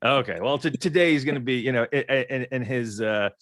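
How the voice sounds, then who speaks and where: A man's voice: medium pitch, brisk, a bit bright, dry recording. A middle-aged man from Ukraine moderating a casual panel chat, joking and stumbling over repeated words.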